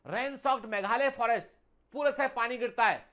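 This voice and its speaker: A high-voiced man teaches biology in an online exam-prep lecture, sounding pushed and bright. He mixes Hindi and English, slowing down to read English lines aloud, and he calls students "beta" and often adds "theek hai."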